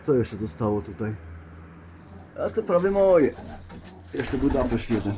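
A man's voice: mid-range voice, very animated, unhurried, noisy background. A man keeping pigeons, chatting casually to his viewers outdoors while filming on a phone. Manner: chatty, addresses viewers as dear ones. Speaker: pigeon keeper vlogger. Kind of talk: casual running commentary to viewers. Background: birds and outdoor ambience.

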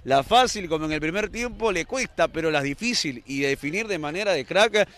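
A man's voice: a little high, animated, brisk, fairly bright tone. A man with a Peruvian accent working as a football co-commentator, talking in a chatty, conversational way. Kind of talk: conversational match commentary with greetings and sponsor reads.

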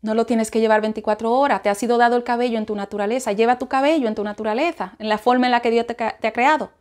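A woman's voice: on the high side, fairly even intonation, racing. A woman giving spoken Bible teaching, repeating her points emphatically with many restarts. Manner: repetitive, emphatic preaching with restarts.

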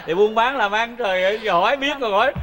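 A man's voice: high voice, quick pace, in a large hall, a loud crowd, natural voice. A man playing a brash, teasing matchmaker. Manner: brash, teasing, laughs through lines. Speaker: comic matchmaker uncle. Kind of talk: overseas Vietnamese comedy sketch.

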